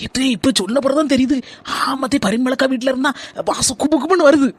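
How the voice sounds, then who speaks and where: Woman voicing a cunning cartoon daughter-in-law, high quick voice, sweet-talking and sarcastic. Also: background noise, natural voice. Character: cunning young daughter-in-law, witty, scheming. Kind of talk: cartoon comedy voice acting.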